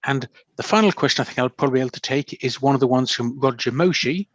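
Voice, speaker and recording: Courteous male moderator, mid-pitched, on dry, muffled call audio. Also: a bit bright, no room sound. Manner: polite, measured, reads questions out. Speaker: debate moderator. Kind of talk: chairing a panel Q&A. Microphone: video call.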